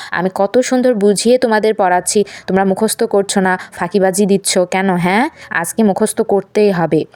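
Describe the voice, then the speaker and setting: A woman's voice: mid-range voice, darkish tone, no echo, lightly acted. A woman voicing a strict mother who scolds and lectures her daughters in a doll puppet show.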